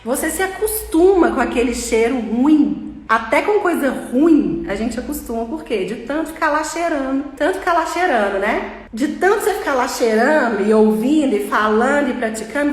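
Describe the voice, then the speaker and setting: A woman with a Bahian Brazilian accent teaches English in a relaxed, joking way and says sounds over and over to model them. Her voice sits a little high. The room is echoey, with a long reverb trailing each phrase. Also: moderate pace. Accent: Bahian Brazilian Portuguese. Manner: chatty, informal and jokey, repeats sounds to model pronunciation. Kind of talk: casual online English lesson.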